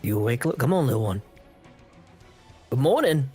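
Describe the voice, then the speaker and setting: Gentle bodyguard played by a man, calm, reassuring, mid pitch. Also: normal speed, slightly rough, faint music behind. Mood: friendly.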